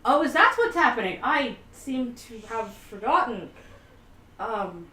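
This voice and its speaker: A woman's voice: on the high side, very animated, a little slow, pushed and bright. A woman player in a tabletop game, joking and swearing freely, recorded in a roomy space on a distant mic. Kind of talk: casual chat at a tabletop game.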